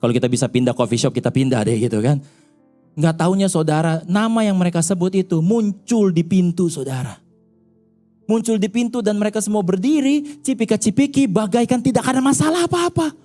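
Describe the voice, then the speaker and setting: A male pastor delivers a sermon in a casual, conversational storytelling style, talking straight to his listeners. His voice sits high for a man. Faint music plays behind him. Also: lively intonation, brisk, dark tone. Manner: chatty storytelling, repeatedly addressing the congregation.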